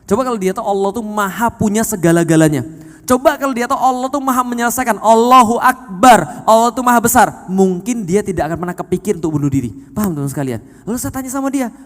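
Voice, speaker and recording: A man giving a lively sermon to a live audience, often stopping to ask the listeners questions. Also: high voice, fast, big-room sound. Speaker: preacher.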